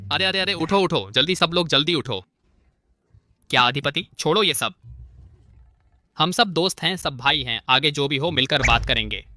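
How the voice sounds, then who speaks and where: A man's voice: a little high, expressive, moderate pace, long pauses, pushed and bright, faint music behind. An actor dubbing a brash young male guard who turns into a martial arts hero, taunting his foes. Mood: modest. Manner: taunting, boastful when fighting. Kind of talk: Hindi dub of a short drama.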